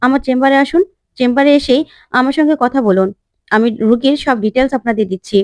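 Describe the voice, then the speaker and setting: A woman's voice: sits high, quick pace, a little mellow, no room sound, studio quality, natural voice. A woman voicing a polite male hospital doctor who speaks in a courteous, formal way.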